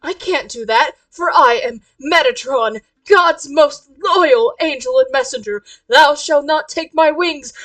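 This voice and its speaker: A woman voicing a pompous, self-important male angel with grandiose, booming speech. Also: measured pace, hardly any pauses, a bit bright, no room sound, distant mic.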